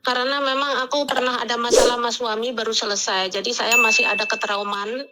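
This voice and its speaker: A woman's voice: on the high side, fairly even intonation, a little fast, heavy background noise. A middle-aged woman from Indonesia pouring out a personal story as a caller, rambling with fillers and quoting what was said to her. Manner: rambling, with many fillers and quoted dialogue. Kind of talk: emotional personal confession.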